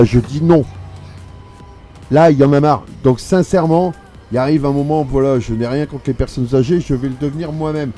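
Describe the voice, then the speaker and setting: A man's voice: a little high, warm tone. A man in his forties from northern France, chatting casually and jokingly while playing a truck driving game, swearing freely. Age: 40s. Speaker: streamer playing a truck simulator.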